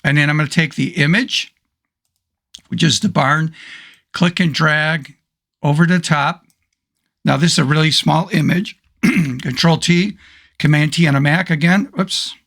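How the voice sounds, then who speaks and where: A man with a hoarse voice, casually talking through a photo editing tutorial step by step. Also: fairly high pitch, fairly even intonation, normal speed, pauses often, fairly bright tone. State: hoarse, losing his voice. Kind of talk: screen-recorded software tutorial.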